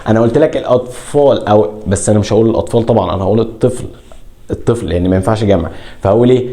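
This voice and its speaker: A man with an Egyptian Arabic accent teaching an English grammar lesson. He asks questions and answers them himself, and stretches words out slowly. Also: on the low side, warm tone.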